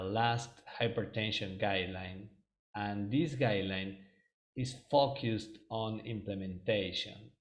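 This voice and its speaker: Speaking with an Argentine Spanish accent, a man from Argentina whose first language is Spanish leads a webinar on a video call. His voice runs on the low side, and he keeps hesitating, saying um and restarting his sentences.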